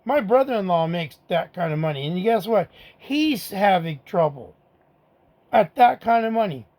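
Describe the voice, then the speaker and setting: A man's voice: high voice, sing-song, normal speed, darkish tone. Angry man ranting on camera. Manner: angry, blunt, repeats rhetorical asides. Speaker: vlogger. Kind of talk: political rant to camera.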